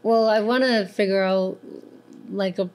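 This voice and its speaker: A woman's voice: medium pitch, fairly even intonation, a little slow, darkish tone, clear, resonant tone. A young woman, a performer, answering as a guest in a casual interview, with many hesitant fillers.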